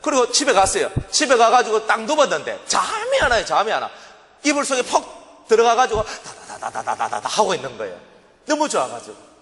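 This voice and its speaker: A man's voice: very high-pitched, very animated, brisk, fairly bright tone. A male pastor with a Gyeongsang accent, preaching a sermon as dramatic personal testimony and acting out his old prayers. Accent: Gyeongsang Korean. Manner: dramatic storytelling, acts out his own past prayers and crying. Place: church sanctuary. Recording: long reverb of a church hall.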